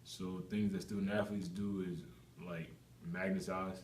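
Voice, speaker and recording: A man's voice: sits low, level tone, unhurried, a little mellow. A young adult man giving casual interview answers as a student athlete. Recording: echoey room with faint background noise.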